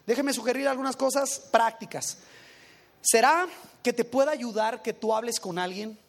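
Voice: medium pitch, moderate pace. A pastor preaching to a congregation in a conversational way, asking them questions and rereading lines for emphasis. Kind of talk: sermon.

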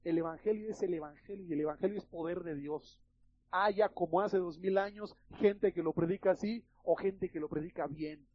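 Mexican pastor giving a sermon, high husky voice, keeps saying brothers, kinda lo-fi sound. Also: male voice, moderate pace, no echo. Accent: Mexican Spanish. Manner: emphatic, conversational, addresses listeners as brothers.

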